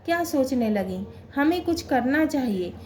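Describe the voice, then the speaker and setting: A woman's voice: high voice, expressive, a little slow, darkish tone, a little hiss or hum. A woman voicing an eager young girl, a caring sister, read with urgent pleading.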